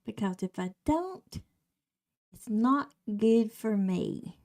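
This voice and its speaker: Woman livestream host, high voice, gravelly edge, warmly greets viewers as darling. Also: lively intonation, slow pace. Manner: affectionate, calls viewers darling and y'all. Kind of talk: casual chat greeting viewers.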